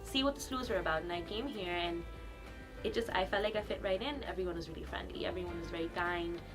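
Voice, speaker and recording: A woman's voice: on the low side, music in the background. A young woman from Pakistan, a student talking chattily in a documentary interview. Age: young adult. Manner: fast, chatty, restarts mid-sentence.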